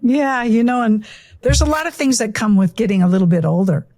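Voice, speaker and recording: A woman's voice: on the high side, animated, brisk, mellow, no echo, studio quality. A woman interviewer asking questions in an encouraging way and giving brief affirming replies. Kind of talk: casual interview conversation.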